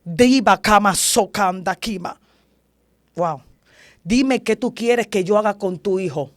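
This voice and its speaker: A slow, commanding divine voice, as a woman intones it, loud and strangely hollow. Each phrase is drawn out and weighty. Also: medium pitch, no echo, clean studio sound, natural voice. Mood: solemn. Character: solemn divine male voice speaking from nowhere.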